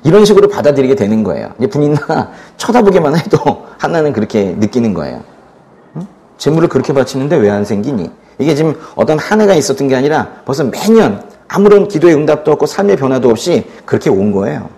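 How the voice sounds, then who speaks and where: A man preaching a Sunday sermon, his pitch swinging widely as he retells the story. He talks to the congregation like a storyteller and puts questions to them. His voice sits in a middle register and moves freely up and down. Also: fast talker, few pauses. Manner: animated storytelling, acts out quoted lines, asks the congregation questions. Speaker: pastor.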